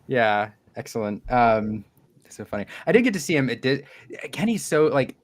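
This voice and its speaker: A man's voice: medium pitch, sing-song, normal speed, no echo. Chatty man hosting a video call. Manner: laughing, chatty storyteller. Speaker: livestream host. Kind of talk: casual group chat.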